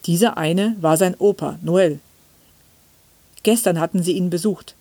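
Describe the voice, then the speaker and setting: A woman reading a children's Christmas story aloud, with calm, gentle storytelling. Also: on the low side, a little slow, no room sound. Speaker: reader. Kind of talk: scripted storybook narration.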